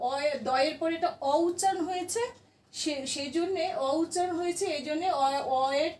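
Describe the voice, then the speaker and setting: A high-voiced woman patiently teaches grammar, posing questions to her class and answering them herself. She sits well back from the mic in a large, echoing room, and her tone is somewhat dark, with a faint hiss or hum in the recording.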